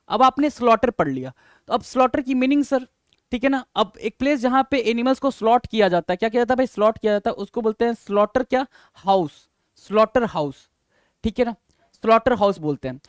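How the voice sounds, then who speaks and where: High-voiced teacher, dry close sound. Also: male voice, no room sound. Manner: repetitive, coaxing, addresses learners as sir and brother. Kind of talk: vocabulary lesson.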